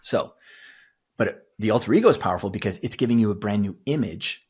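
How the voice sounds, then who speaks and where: A man's voice: fairly low pitch, lively intonation, brisk, a little mellow, husky. A man who coaches athletes on mindset, explaining his ideas emphatically as a guest in a podcast interview.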